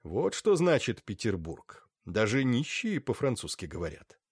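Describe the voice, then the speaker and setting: A man voicing a kind, scarred young man who speaks gently and reassuringly. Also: mid-range voice, huge pitch swings, a little slow, slightly rough, no room sound, clean studio sound, heavily acted. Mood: gentle.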